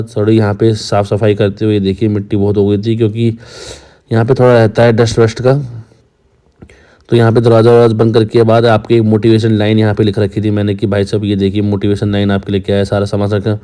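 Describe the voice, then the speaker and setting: A young man with a low, dark, mellow voice narrates his day at his coaching class in a casual vlog voice-over. His delivery stays fairly flat, and he keeps joking and teasing his students. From Uttarakhand. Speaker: coaching teacher and vlogger.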